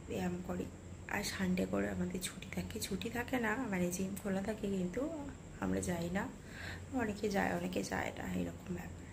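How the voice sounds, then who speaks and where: A Bengali-accented woman vlogs in a hushed, half-whispered voice at home before dawn. Her phone recording carries a clear hiss of background noise. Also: fairly low pitch. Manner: hushed, half-whispered talk so as not to wake the family. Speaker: vlogger. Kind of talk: casual vlog chat.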